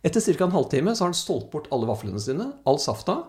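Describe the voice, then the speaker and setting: A man tells casual anecdotes as a speaker, animated and acting out the people he quotes. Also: fairly high pitch. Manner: animated storyteller, acts out quoted voices. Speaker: speaker telling stories.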